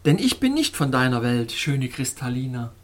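A woman's voice: extremely low pitch, big pitch swings, normal speed, pitched below the performer's own voice, full character voice. A woman voicing an earnest, wise little male baron in a storybook reading, speaking solemnly and reassuringly. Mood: cheerful.

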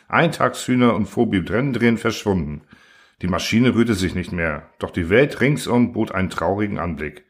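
A man narrating an audiobook in a measured, even storytelling manner. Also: lowish voice. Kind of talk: audiobook reading.

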